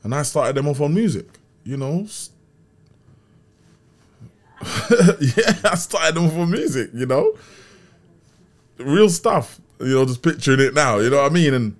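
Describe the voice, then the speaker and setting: A man's voice: mid-range voice, animated, unhurried, long pauses. A man with a South London accent telling stories casually as an interview guest, using street slang and often checking that he is understood. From Brixton, south London. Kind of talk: casual conversational storytelling.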